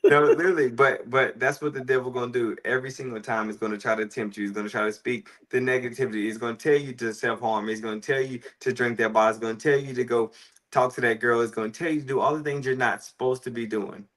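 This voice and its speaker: Male co-host, mid-pitched, animated storyteller prone to restarts. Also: fast talker. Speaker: podcast co-host. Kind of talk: casual faith talk.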